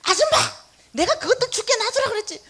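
A woman acting out a gruff, scolding middle-aged male street tape seller who shouts at passersby. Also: very high-pitched, big pitch swings, fast, noisy background, voice pushed up. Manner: shouting, brusque.

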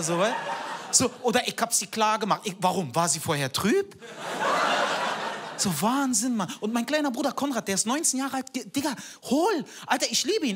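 A male stand-up comedian, teasing the audience in brash, slangy crowd work. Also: high voice. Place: stage in front of a live audience. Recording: live club audience laughter and noise.

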